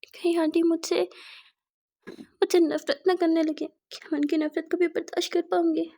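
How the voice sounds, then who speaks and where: A woman's voice: very high-pitched, flat delivery, normal speed, dark tone, pitched above the performer's own voice. A woman voicing an anxious, sulky young woman in a told story, speaking in a fretful, pleading way. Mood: worried. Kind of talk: dramatized storytelling.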